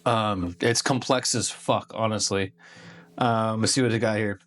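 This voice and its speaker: A man's voice: fairly low pitch, steady tone, unhurried, background noise. A man hosting a casual beer-tasting review video, talking in a laid-back, profane, slangy way.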